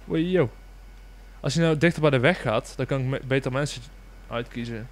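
A young man with a Dutch accent giving casual gameplay commentary, excitable and swearing often, bursting into shrieks. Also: medium pitch, moderate pace. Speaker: gaming YouTuber.

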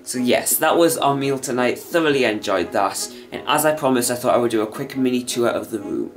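A man's voice: medium pitch, fairly quick, soft background music. A young man casually vlogging to a handheld camera at arm's length, rambling with lots of ums. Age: young adult. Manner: chatty, rambling with many ums. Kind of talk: casual vlog. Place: indoors and outdoors while travelling, hotel room.

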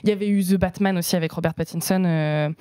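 Woman on a podcast, lowish voice, lots of "euh" and restarts, dry close sound. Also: steady tone, fast talker, dark tone, clean tone, dry recording. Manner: hesitant, many fillers and restarts, opinionated. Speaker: series journalist, podcast guest. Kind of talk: casual podcast discussion.

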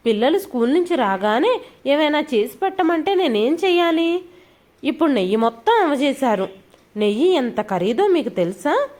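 This is a domineering young daughter-in-law from an audio storybook, loud and scolding, as a woman narrator puts her on. Her high voice leaps up and down as she berates. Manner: shouting, scolding.

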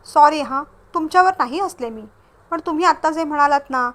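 A woman's voice: high-pitched, a little fast, fairly bright tone. A woman voicing a witty, composed young woman traveler in a read-aloud story, with a light, teasing, polite manner.

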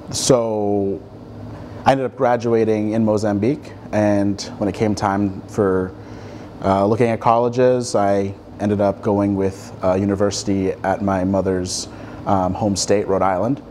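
A young man with a low voice talks about himself in a quiet studio, pausing often with ums and restarting sentences as he thinks. His delivery is relaxed and unhurried. A faint hiss sits under the recording. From Ethiopia, raised across Africa. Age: 20s. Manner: thoughtful, many ums and restarts. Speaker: guest artist. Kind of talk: relaxed interview answers. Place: dim studio with armchairs.

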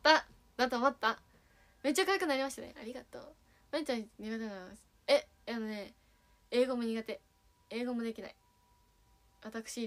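A young woman with a light Sanuki accent from Kagawa chats on a casual livestream. She answers fan messages playfully and giggles often. Her voice sits a little high. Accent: Sanuki dialect (Kagawa). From Kagawa, Japan. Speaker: idol streaming and chatting with fans.

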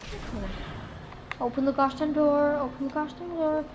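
A clumsy male agent turned skull trooper, played by a woman in an improvised fan role-play. The voice sits high and stumbles through restarts as it rambles. A steady hiss of noise runs under the home recording. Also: normal speed, natural voice. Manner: hesitant, rambling, with many restarts.

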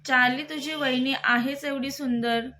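A young husband, quick to anger but soft at heart, talking earnestly about his wife, as a woman storyteller reads him. The voice sits high and bright in her own register. It is an audiobook-style story reading. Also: fairly even intonation.

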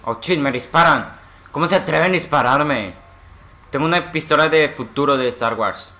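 Swearing gamer, bright voice. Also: male voice, on the high side, moderate pace. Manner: excitable, swears, makes gun noises. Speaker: gamer playing a shooter. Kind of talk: gameplay commentary.

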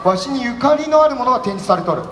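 Man playing Hideyoshi, a high-pitched excitable old samurai. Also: very fast. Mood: eager, playful. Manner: animated, folksy old-man speech, projected. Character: excitable, self-deprecating grubby old samurai warlord. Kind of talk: live comic stage samurai performance. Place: festival stage at night. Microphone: headset through PA. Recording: echoey stage PA with background noise.

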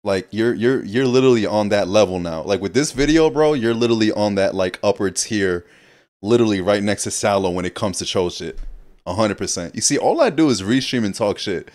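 Low-voiced male streamer host, hyped and slangy. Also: lively intonation, brisk, a little mellow. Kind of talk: live reaction stream.

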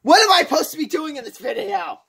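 A woman's voice: sits high, sing-song, fast talker, creaky, a bit bright, exaggerated voice. A woman voicing a whiny, petulant, dramatic man-child plush dad in an improvised home toy skit. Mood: whiny, grumbling. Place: small room indoors at home. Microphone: handheld camera or phone. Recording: faint noise, clicks, handheld home camera.

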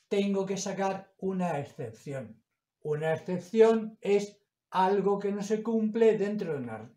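Slow-talking teacher man, echoey room. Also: sits high, mellow. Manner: slow, explanatory, stretching example words. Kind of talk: spoken grammar lesson.

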